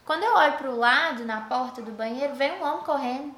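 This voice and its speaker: A Brazilian woman telling her own spooky stories in a casual chat, animated and dramatic. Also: sits high, brisk. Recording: roomy echo.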